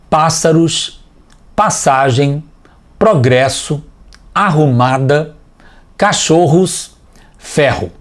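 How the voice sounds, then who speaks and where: A man leads a scripted children's lesson as the teacher. He speaks slowly and patiently in a fairly high voice. His pitch rises and falls a lot as he explains each point. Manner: clear, patient, explaining step by step.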